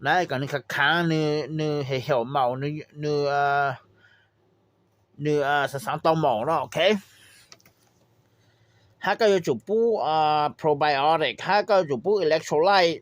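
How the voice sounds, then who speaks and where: A man's voice: on the high side, slow, pauses often, no echo. A man giving a casual spoken lesson on raising birds, switching into English phrases and often checking in with listeners. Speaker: poultry trainer giving advice.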